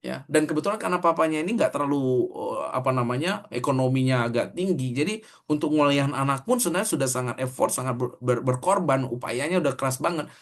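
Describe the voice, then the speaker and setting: A man's voice: medium pitch, animated, quick pace. A middle-aged man, preaching a sermon in a conversational way, telling a story and acting out the quoted dialogue.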